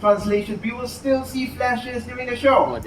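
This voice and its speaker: A high-pitched male host, a native Mandarin speaker, announces a live animal show with animation to an audience at an outdoor amphitheater at night. His intonation is fairly even and his speed normal. The amplified recording sounds distant, echoey, and noisy.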